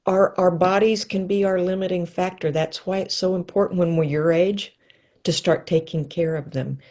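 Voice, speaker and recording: Woman, sixties, mellow low-ish voice, chatty guest who acts out the lines she quotes. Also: normal speed. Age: 60s. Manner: lively storyteller, acts out quotes with pitch leaps. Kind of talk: casual interview chat.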